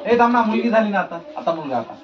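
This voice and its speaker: A woman teacher running an alphabet quiz with a class of young children, giving brisk commands and telling them to speak up. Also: mid-range voice, lively intonation, over a noisy crowd. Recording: dull lo-fi recording in a noisy classroom. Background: children chattering.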